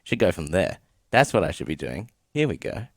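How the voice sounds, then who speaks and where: A man hosting a live stream, chatting casually as he learns a song by ear, his voice sleepy and low like a late-night radio announcer. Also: big pitch swings, normal speed, no room sound, clean studio sound. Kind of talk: casual live-stream chat, singing along. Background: faint music playing.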